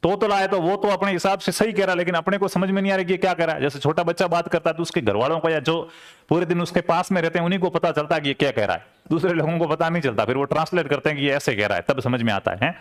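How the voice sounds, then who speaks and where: A man's voice: on the high side, rapid-fire. A man, teaching an exam-prep lecture conversationally and repeating key terms with rhetorical check-ins. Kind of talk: classroom lecture.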